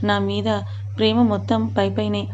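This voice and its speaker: Moody pregnant young wife, read by a woman storyteller, reproachful, clingy, mellow tone, dull lo-fi sound. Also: mid-range voice, monotone, moderate pace, a little hiss or hum, natural voice. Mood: tearful.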